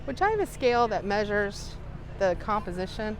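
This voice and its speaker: A woman's voice: mid-range voice, big pitch swings, normal speed. A woman co-hosting a travel vlog in casual, matter-of-fact chat while walking. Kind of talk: casual walk-and-talk chat. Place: outdoors, walking along a resort path. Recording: noisy outdoor ambience with vehicles.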